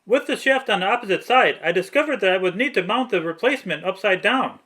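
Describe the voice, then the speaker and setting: A hobbyist restorer narrates his own repair video, reading a scripted how-to in a methodical, matter-of-fact way. His voice sits high and sharp, with lively intonation and a quick pace.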